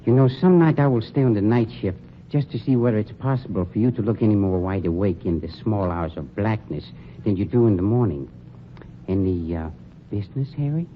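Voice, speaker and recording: In the style of 1940s radio drama, an actor plays a polished, scheming funeral director who talks down to his night man. The lowish voice is natural and a little fast, the mood smooth, the manner smooth, condescending and sneering. The old radio recording is dull and noisy.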